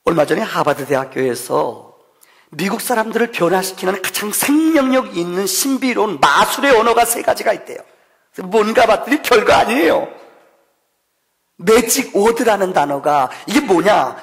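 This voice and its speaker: A middle-aged man preaches a Thanksgiving sermon with a high, gravelly voice. He tells stories animatedly, jumping from loud bursts to near whispers and acting out quoted voices. The sound rings with the long reverb of a church hall. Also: normal speed. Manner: lively storytelling with sudden loud and soft swings; acts out quoted voices of his son. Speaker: pastor. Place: church sanctuary.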